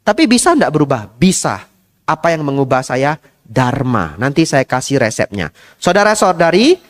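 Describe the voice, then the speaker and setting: A man giving a dharma talk as a Buddhist monk, asking his listeners rhetorical questions and mixing English phrases into his talk. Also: on the high side. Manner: lively, asks the audience rhetorical questions.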